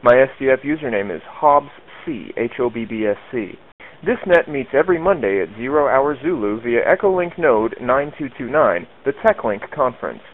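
A man's voice: medium pitch, animated, moderate pace, slight background noise. A man running an amateur radio net in a formal, methodical way, spelling call signs phonetically, heard through a radio transmission. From Arkansas. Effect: heard over a narrow-band radio link. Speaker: net control operator.

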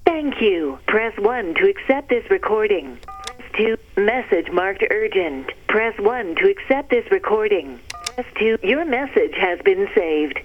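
A woman's recorded voicemail system voice heard over a landline phone, reading out even, clipped instructions. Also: medium pitch, measured pace. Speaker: automated voicemail prompt. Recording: tinny phone line, faint hiss.

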